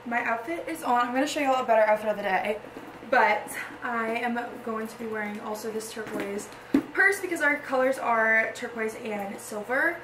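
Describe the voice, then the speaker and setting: A woman's voice: a little high, moderate pace, distant mic. Young woman, bubbly sorority girl, casual get-ready vlog chat, echoey room, faint noise. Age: early 20s. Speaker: college sorority member vlogging. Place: small echoey rooms in an apartment and house. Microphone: handheld or propped vlog camera. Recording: roomy echo, faint background noise.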